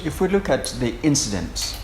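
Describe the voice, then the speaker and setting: A man conducting a formal interview, putting wordy, measured questions with pauses mid-sentence. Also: on the high side, big pitch swings. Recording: echoey room with faint noise.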